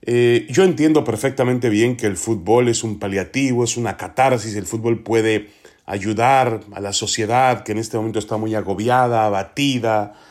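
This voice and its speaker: Male sports commentator, fairly low register, serious opinion delivery, measured and emphatic. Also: darkish tone. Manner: earnest, deliberate, emphatic. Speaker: sports podcast host.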